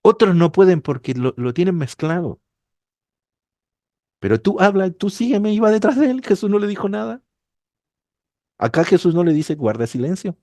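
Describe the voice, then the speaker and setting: A man's voice: high-pitched, animated, moderate pace, long pauses, a little mellow, no room sound. A man preaching a sermon, explaining a passage to his congregation and rising to emphatic peaks.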